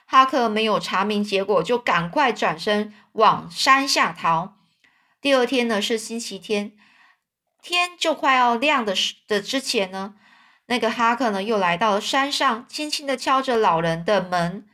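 A woman retelling a children's story in a relaxed, loose style with fillers. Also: on the high side, moderate pace. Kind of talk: storybook narration.

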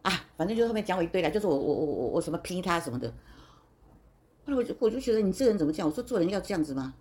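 Fast-talking woman in her sixties. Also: lowish voice, big pitch swings, warm tone. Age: 60s. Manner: talkative, indignant, quoting dialogue, restarts and repeats words. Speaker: restaurant owner interviewed by her son. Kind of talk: casual storytelling interview.

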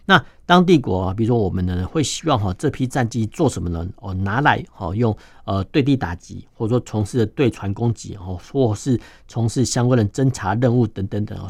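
A man, a defense journalist explaining military matters as an interview guest, filling his phrases with drawn-out "oh" and "ha" sounds. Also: mid-range voice, darkish tone, no echo. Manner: peppers phrases with drawn-out "oh" and "ha" particles.

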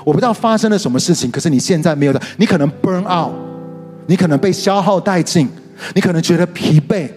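A middle-aged man with a Taiwanese Mandarin accent preaching a sermon, telling stories animatedly with sudden leaps in pitch. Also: fast talker. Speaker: pastor and worship leader. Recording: reverberant hall with soft music behind.

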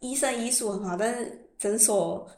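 A woman chats as a podcast guest, lively and quick to laugh. Her voice sits fairly high, and she slips English phrases into her story. The room around her sounds echoey. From Taiwan. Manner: animated, laughs often, drops English phrases. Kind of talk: casual storytelling chat.

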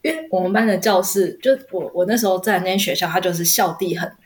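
A woman's voice: quick pace, faint music behind. A young adult woman, an elementary school teacher, telling a story in casual chat and acting out her students' voices. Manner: animated, acts out students' voices in high pitch.

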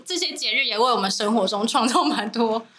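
A woman's voice: a little high, fairly quick, fairly bright tone. A giggly woman with a Taiwanese Mandarin accent chatting casually as a podcast host. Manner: giggly, laughs often while talking. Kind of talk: casual group chat. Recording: clear background noise.

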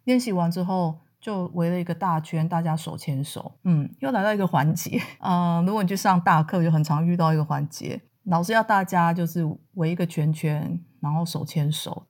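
Lady chatting through a story, lowish voice, laughs a lot, does the voices of people in it. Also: normal speed, hardly any pauses. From Taiwan. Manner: animated, laughs often, acts out quoted dialogue. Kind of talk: casual personal storytelling.

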